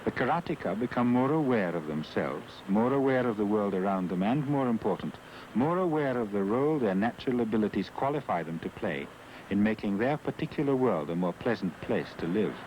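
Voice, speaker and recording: A man narrating a scripted documentary in a calm, measured, earnest manner. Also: fairly low pitch, a little hiss or hum, poor audio.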